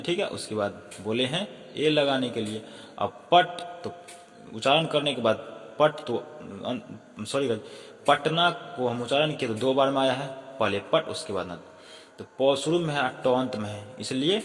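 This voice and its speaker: A man's voice: mid-range voice, fairly bright tone, in a large hall. A man teaching a casual spoken lesson who often stops to apologize and correct himself.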